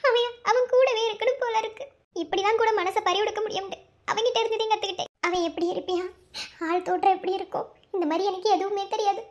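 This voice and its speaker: An actress with a playing a young woman collector, bossy with family but soft and halting when she confides her love, in a television drama. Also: very high-pitched, fairly even intonation, highs cut off. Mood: wistful. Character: young woman collector, proud, secretly lovesick.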